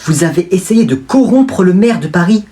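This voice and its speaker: A man's voice: high voice, expressive, normal speed, warm tone. A man playing a stern, fussy judge who scolds in a pompous way. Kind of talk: comedy sketch acting.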